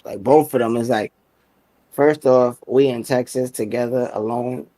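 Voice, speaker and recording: A man's voice: mid-range voice, steady tone, measured pace, no echo. A man from New City, chatting and joking on a live stream, close to the mic. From New York City. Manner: laid-back, joking, greets chat loudly. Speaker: streamer guest. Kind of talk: casual chat on a live stream.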